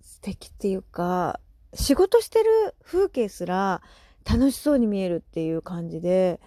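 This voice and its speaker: A woman in her thirties chatting casually on her solo podcast, animated and laughing often, with soft asides. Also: mid-range voice, no room sound, clean studio sound. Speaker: podcast host.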